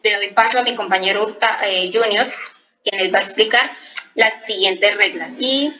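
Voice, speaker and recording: A woman's voice: medium pitch, moderate pace, highs cut off, a crowd in the background. A woman teaching French grammar to Spanish speakers, explaining patiently and checking in often. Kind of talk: slow explanatory language lesson.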